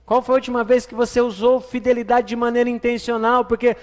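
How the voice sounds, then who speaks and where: High-voiced Brazilian pastor in a church hall. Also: male voice, flat delivery, quick pace, a little mellow. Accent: Brazilian Portuguese. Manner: conversational preaching with playful asides and acted quotes. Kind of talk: sermon.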